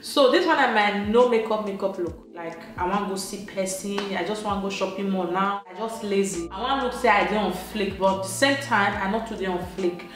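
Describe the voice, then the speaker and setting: A woman's voice: medium pitch, fairly quick, hardly any pauses, fairly bright tone. A woman with a Nigerian Pidgin accent, chatting casually through a makeup tutorial in a playful, emphatic way. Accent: Nigerian Pidgin English. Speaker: beauty vlogger. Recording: very echoey room, light music behind.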